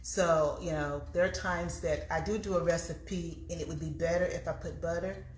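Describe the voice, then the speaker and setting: A woman with a fairly low voice talks casually to viewers of her cooking stream. She rambles and thinks out loud as she goes. The room rings with echo, and there is faint noise behind her. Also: steady tone, normal speed. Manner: chatty, rambling, thinking aloud. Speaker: home cooking livestream host. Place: indoors in a home kitchen.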